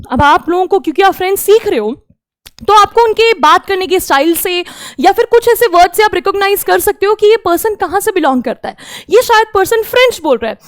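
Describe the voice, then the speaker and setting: A young woman teaching a French lesson to children, explaining in Hindi and reading example phrases slowly and clearly. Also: very high voice, no echo, clean studio sound. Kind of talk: online class lecture.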